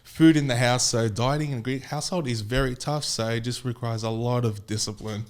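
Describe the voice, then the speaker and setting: A man's voice: medium pitch, steady tone, brisk. A young man, a guest in a casual podcast interview, talking in an easygoing way and often repeating his words. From Australia. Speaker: bodybuilder guest.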